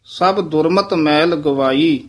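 A man leads a recitation lesson, his slightly raised voice moving at an unhurried pace. He models each phrase carefully, then adds brisk asides about where to pause. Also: a little high. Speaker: teacher of scripture recitation.

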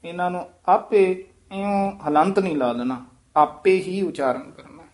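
A man teaching scripture recitation, patiently correcting pronunciation and modelling the words slowly. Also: high-pitched, a little mellow. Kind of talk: pronunciation instruction.

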